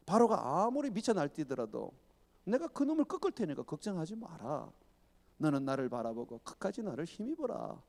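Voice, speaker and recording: A man voicing a calm, almighty male god who reassures and gives gentle commands. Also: fairly high pitch, gravelly, pitched below the performer's own voice, full character voice.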